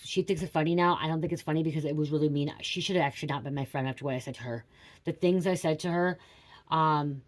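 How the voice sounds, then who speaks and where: A middle-aged woman with a low, slightly mellow voice hosts a spiritual reading. She talks casually and confessionally, bluntly and with plenty of swearing, repeating phrases for emphasis.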